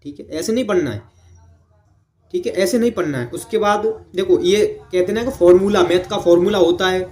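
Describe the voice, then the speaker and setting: A man's voice: high-pitched, brisk, a little mellow. A man teaching a basic spoken-English lesson online, repeating points and checking in with the viewer after almost every phrase. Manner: repetitive teaching, constant "theek hai?" check-ins, quizzing the viewer.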